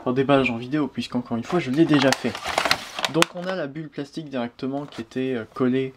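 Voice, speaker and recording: Host, male, casual review voice, mid pitch, talks in loose hesitant runs. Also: quick pace, very noisy. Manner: chatty, with hesitations and self-corrections. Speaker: toy reviewer.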